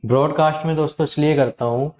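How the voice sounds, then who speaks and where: A man hosting his channel, talking casually and animatedly to viewers and acting out callers' lines in quick quotes. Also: fairly high pitch, fairly even intonation, darkish tone. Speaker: channel host advising viewers on loan recovery calls. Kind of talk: casual talk to camera.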